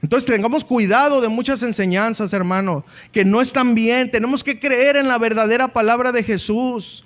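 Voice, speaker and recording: A man's voice: very high-pitched, moderate pace. A man with a Mexican Spanish accent preaching a sermon earnestly as a pastor, often calling out to the congregation.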